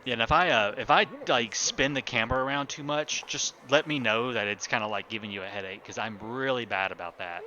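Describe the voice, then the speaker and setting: A man's voice: medium pitch, fairly quick, few pauses, muffled recording, a little hiss or hum. A man streaming a building game live, chatting casually to himself and his viewers as he builds. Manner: relaxed, talks to himself while building, chats with viewers.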